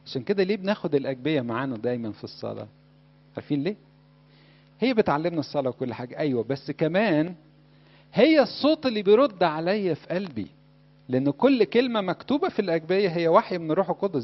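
A man with an Egyptian Arabic accent preaching a sermon in a conversational way, often putting questions to his listeners. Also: medium pitch. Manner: conversational, asks the audience questions. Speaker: Coptic preacher. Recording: dull lo-fi recording.

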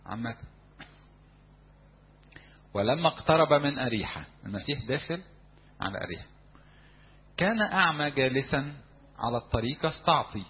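A man with an Egyptian Arabic accent preaching a sermon to young people in a church, animated and acting out crowd voices. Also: medium pitch, normal speed, long pauses, husky, narrow, tinny audio. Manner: animated, acts out crowd voices, shouts for emphasis.

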